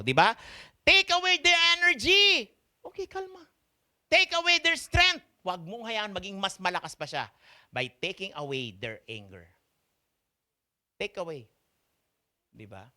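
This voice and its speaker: A Filipino man preaching a sermon in a mix of Tagalog and English, often asking his listeners questions. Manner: mixes Tagalog and English, asks the congregation questions; slow, emphatic delivery with sharp swings in pitch and volume.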